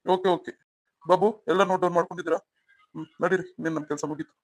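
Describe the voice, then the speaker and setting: A man's voice: sits high, little pitch movement, fast, no room sound, studio quality, voice pushed down. A man voicing a stern male police officer who questions sharply in a cartoon story. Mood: questioning. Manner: probing, stern.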